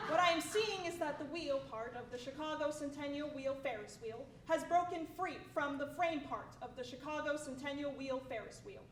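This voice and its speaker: A woman's voice: sits high, moderate pace, lightly acted. A woman playing a dry, pedantic news field reporter in a comedy sketch. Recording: roomy, distant, noisy.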